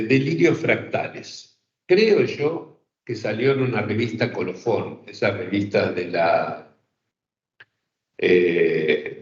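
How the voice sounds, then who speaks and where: A man teaching an online psychoanalysis seminar, talking thoughtfully with many fillers and checks to his listeners. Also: medium pitch. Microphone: video call. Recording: roomy, dull online call audio.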